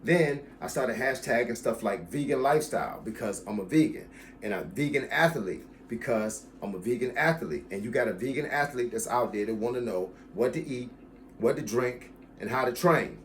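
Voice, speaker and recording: Guy in his 50s, fitness coach, talking to y'all on camera, emphatic, repeats himself to make the point, normal pitch, slight hiss. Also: animated, normal speed. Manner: emphatic, repeats key phrases, addresses viewers as y'all. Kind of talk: casual talk to camera about his channel.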